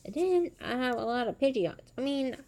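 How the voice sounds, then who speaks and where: A woman's voice: sits high, expressive, normal speed, darkish tone. A woman chatting casually as she plays a mobile game on her stream, talking in a chatty way and breaking into surprised exclamations.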